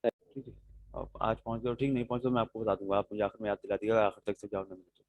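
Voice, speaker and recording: A man's voice: lowish voice, fairly even intonation, dry recording, phone-quality sound. A male religious teacher giving a classroom lecture on religious rulings. He explains step by step, answers his students' questions directly and keeps checking that they follow.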